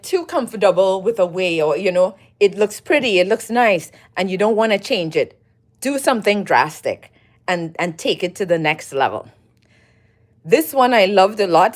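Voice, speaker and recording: A middle-aged woman from Trinidad, chatting casually on her own livestream as she talks through her collage work and greets viewers. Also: medium pitch. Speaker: collage artist hosting a livestream. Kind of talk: casual livestream talk while crafting.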